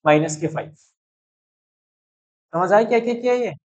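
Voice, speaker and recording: A man's voice: high-pitched, animated, normal speed, rough recording. A young man teaching chemistry, working through a calculation step by step and often checking that students are following. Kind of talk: chalkboard-style math walkthrough.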